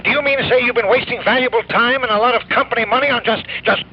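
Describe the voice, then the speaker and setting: An actor playing a fussy, indignant middle-aged insurance executive who sputters and repeats himself, in 1950s radio drama style, heard through a muffled AM radio broadcast. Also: male voice, very high-pitched, steady tone, fast talker, breathy edge. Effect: muffled AM radio broadcast sound. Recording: muffled old radio broadcast with faint hiss.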